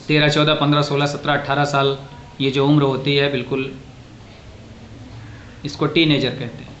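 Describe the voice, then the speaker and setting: A man teaching a school English lesson, reading each English line slowly and then explaining it in Hindi, speaking directly to his students and repeating his points. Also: on the high side, fairly bright tone. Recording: echoey room with faint background noise.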